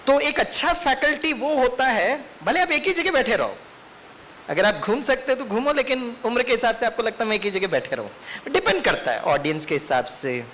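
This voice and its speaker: A man's voice: very high-pitched, bright, forceful tone. A man with an Indian accent giving a lecture to teachers in training, telling a story and putting questions to his audience. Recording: faint hiss.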